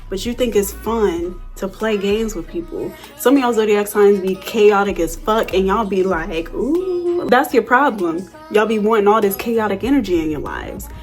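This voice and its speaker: Young woman, casual beauty vlog chat, animated storytelling, slang and swearing, medium pitch. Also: normal speed, hardly any pauses, faint music behind. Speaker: beauty vlogger. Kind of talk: casual makeup tutorial chat.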